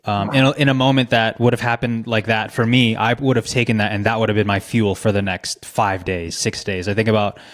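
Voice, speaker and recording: A sincere man speaks in an earnest, conversational way, pausing now and then with "uh" and "um." His voice sits low for a man. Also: steady tone. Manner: sincere, slow, with "uh" and "um" hesitations.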